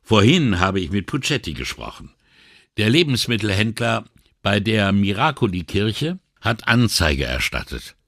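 Heavily acting and raising his pitch above his own, a man reads an audiobook part as a tired, indignant middle-aged police inspector who sighs with exasperation and moral upset. His voice is on the low side yet fairly bright, sing-song and a little slow, in clean studio sound with no room echo.

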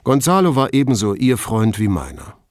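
A man voicing an older male count, grieving and halting, quick to flare up. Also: medium pitch, huge pitch swings, no room sound, studio quality. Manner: halting, heavy with grief.

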